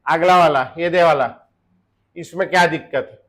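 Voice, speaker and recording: A man's voice: a little high, moderate pace, fairly bright tone. A man teaching chemistry to a class. He keeps asking the students questions and answers them himself, jokes with them and slips in English phrases. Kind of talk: classroom lecture.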